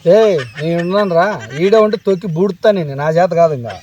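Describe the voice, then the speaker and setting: Exasperated man shouting at a deaf uncle. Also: high voice, fast, muffled recording, slight background noise. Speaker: nephew in a comedy skit. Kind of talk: village comedy skit.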